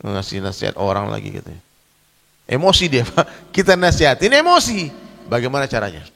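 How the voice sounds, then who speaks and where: A man preaching a sermon in a mosque, animated, often clearing his throat and addressing listeners directly. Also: medium pitch, fairly quick, big-room sound, slight background noise. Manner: animated, addresses listeners as Pak, acts out quoted voices. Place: mosque hall.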